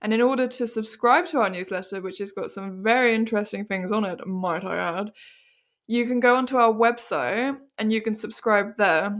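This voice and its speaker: A young British woman co-hosting a podcast, chatting casually and rambling with frequent laughter. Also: mid-range voice. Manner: giggly, rambling, often laughs mid-sentence. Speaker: podcast co-host. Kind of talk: casual chat.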